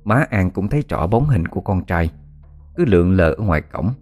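A man narrating a scripted ghost story in a steady, even storytelling manner. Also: low voice, a little fast. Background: faint music.

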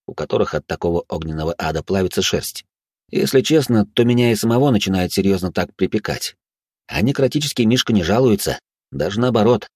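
A man's voice: fairly low pitch, darkish tone, no room sound, clean studio sound. A man narrating a first-person fantasy audiobook, with wry, ironic asides.

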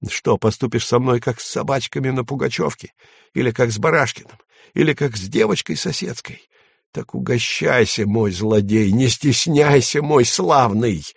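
A man's voice: medium pitch, moderate pace, gravelly, breathy edge, no echo, clean studio sound. A man voicing a frightened, desperate grown man who pleads and defies. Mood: defiant.

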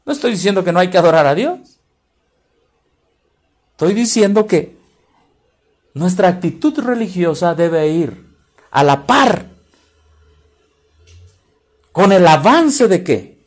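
A man's voice: high voice, very animated. A man with a Mexican accent preaching a sermon, quizzing his listeners with repeated questions and stretching out key words for stress. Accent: Mexican Spanish. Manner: emphatic, drawn-out stresses.

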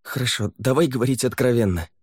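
Мужчина-чтец играет испуганного, измученного виной беглеца, который говорит напряжённо и сбивчиво. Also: male voice, mid-range voice, quick pace, slightly rough, no echo, studio quality, voice pushed up, close to an everyday voice. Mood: pleading. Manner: hesitant, strained. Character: frightened, guilt-ridden runaway man, a father.

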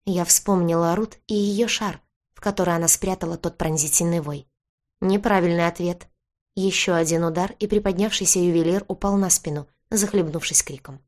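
A woman narrating a first-person novel as an audiobook, in a tense, measured storytelling manner. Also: fairly low pitch, darkish tone.

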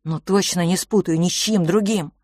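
A woman's voice: lowish voice, a little mellow, no room sound, lightly acted. A woman voicing a frightened young boy close to tears who stammers and breaks off mid-sentence. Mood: frightened halting. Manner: halting, stammering, unsure.

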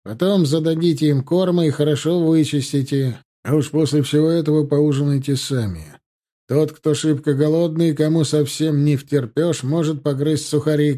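A man voicing an officer who shouts clipped drill commands at new recruits in a storybook reading. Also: on the high side, fairly even intonation, moderate pace, lightly acted. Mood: commanding.

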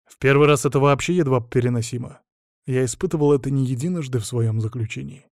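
A man narrating a first-person thriller audiobook in a calm, cold, even voice. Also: mid-range voice, quick pace, dry recording, clean studio sound.

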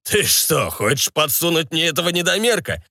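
A man voicing a fat, pompous rich male buyer who speaks in a haughty, threatening way with a gravelly voice. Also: medium pitch, expressive, fast, sharp tone, dry recording, clean studio sound, full character voice.

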